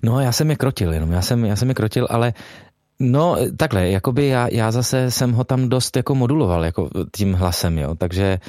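A man's voice: mid-range voice, lively intonation, darkish tone, no echo, studio quality. A man, a voice actor being interviewed, speaking hesitantly with many fillers and restarts. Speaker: voice actor guest. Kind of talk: interview chat.

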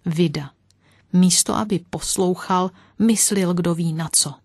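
Low-voiced woman reading a story. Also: a little mellow, no echo, clean studio sound. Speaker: narrator. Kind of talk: audiobook storytelling.

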